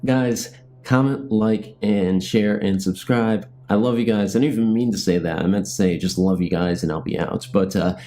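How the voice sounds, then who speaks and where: A man's voice: on the low side, normal speed, dark tone. A man reading spooky family ghost stories aloud, then talking in a rambling, self-deprecating way as host. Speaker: channel host and storyteller.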